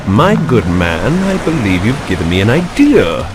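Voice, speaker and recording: An actor playing a scheming, greedy villainous count in a video game, with an oily, hammy, grandiose delivery. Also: male voice, on the low side, sing-song, normal speed, background noise. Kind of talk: video game character acting. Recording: loud music behind the voice.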